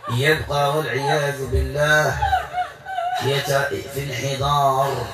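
A man's voice: medium pitch, level tone, slow pace. Commanding man in an echoey room. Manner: commanding, repetitive coaxing. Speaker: Quran healer. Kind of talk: exorcism session addressing a possessed patient. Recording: echoey room, far from mic, loud noise.

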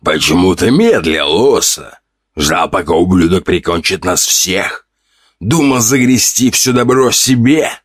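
A deep-voiced man puts on a cruel bandit chief in an audiobook, mocking and contemptuous, often pushing his voice higher in scorn. The voice is low, and the recording is dry and close. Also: animated, measured pace, husky, no room sound, heavily acted. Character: scarred sneering bandit leader man, cruel. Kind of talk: audiobook character voice.

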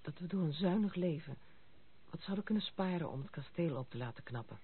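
A proud, outspoken young noblewoman, somewhat bitter and confiding, is played by an actress in a Dutch radio play. Her voice sits low and is animated and fairly quick. The sound is muffled, noisy, and narrow-band, typical of an old radio recording.

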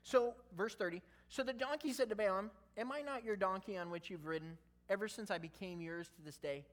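This male pastor speaks in a high voice, a little fast, delivering a casual sermon. Between scripture readings he stays conversational and humorous, tossing in jokey asides.

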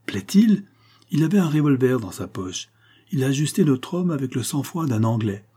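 A sly, scheming male accomplice who mocks and jokes with easy confidence, as a man reads him in an audiobook. The voice is warm and low in brightness, with a husky grain. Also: sing-song, moderate pace. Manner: mocking, easygoing. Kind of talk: audiobook character reading.

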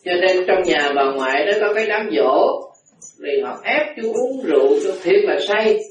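A man's voice: high-pitched, lively intonation, moderate pace. A man, a Buddhist monk giving a dharma talk, telling folksy anecdotes and acting out voices with laughter. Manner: folksy storytelling, acts out voices, frequent laughter. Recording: echoey, distant, muffled hall recording.

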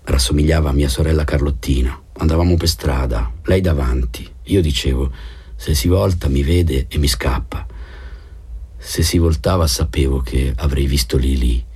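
Very deep, husky male reader. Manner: calm, measured literary reading. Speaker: audiobook reader. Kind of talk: scripted narration.

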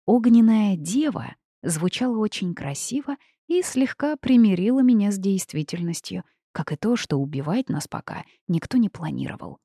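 A woman narrating a first-person fantasy audiobook with lively, expressive storytelling on a close mic. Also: mid-range voice, moderate pace, hardly any pauses, dry recording.

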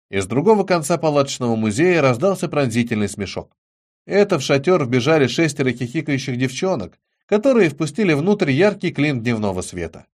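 A man narrating an audiobook in an expressive, measured reading. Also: medium pitch.

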